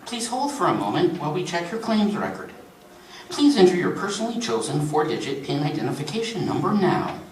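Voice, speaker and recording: A man's voice: on the high side, big pitch swings, a little fast, roomy sound, distant mic, slight background noise, pitched above the performer's own voice, poor audio. A man reading as a snide automated phone menu. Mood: prim. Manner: clipped menu prompts turning snide. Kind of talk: reading fiction aloud to an audience. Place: convention reading room.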